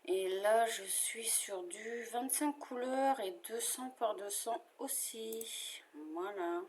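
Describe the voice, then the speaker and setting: With a voice on the high side, a woman with a French accent shows her favorite cross-stitch patterns in an easygoing chat. She takes her time and talks freely, dropping in fillers and small asides.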